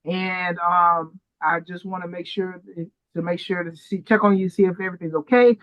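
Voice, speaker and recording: High-voiced man on dull lo-fi audio. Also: fairly even intonation, normal speed. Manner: easygoing, joking. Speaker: podcast co-host. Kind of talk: casual conversation.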